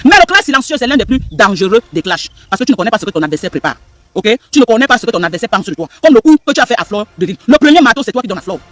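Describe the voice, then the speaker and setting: A man's voice: high voice, sing-song, rapid-fire, dry recording, soft background music. A man giving heated live-stream commentary, repeating himself and firing rhetorical questions at the audience. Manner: emphatic, repetitive, rhetorical questions to viewers.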